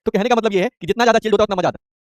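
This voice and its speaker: A man with a fairly high voice delivers a chemistry lesson at breakneck speed. He repeats terms again and again and keeps firing quick questions at his students. The sound is dry and close, with no room echo. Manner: rapid, repetitive, quizzing students with call-and-response questions. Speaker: chemistry teacher. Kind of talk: live online class lecture.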